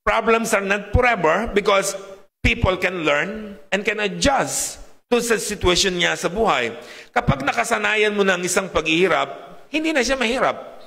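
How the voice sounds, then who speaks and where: Lively preacher man in a reverberant hall. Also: high voice, normal speed, creaky. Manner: lively, rhetorical, asks the congregation questions. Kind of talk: sermon.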